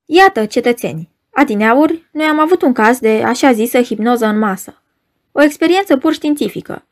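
A woman's voice: fairly high pitch, expressive, close to an everyday voice. A woman doing a pompous, nervous stage compere. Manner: pompous, louder than usual.

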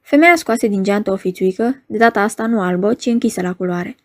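A woman narrating a novel in a measured storytelling manner. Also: mid-range voice. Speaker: audiobook narrator. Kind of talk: novel reading.

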